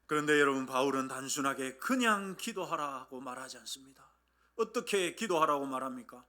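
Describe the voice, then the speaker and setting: A male pastor preaching a sermon, acting out quoted voices and dropping from loud cries to hushed whispers. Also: medium pitch, expressive, a little fast. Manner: dramatic preaching, swinging between loud exclamations and hushed whispers.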